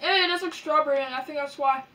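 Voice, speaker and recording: High-voiced woman talking with her mouth full. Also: fairly bright tone. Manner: easygoing, halting, repeats words. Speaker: co-host taste-testing snacks. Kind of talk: casual chat. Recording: distant mic with noisy background.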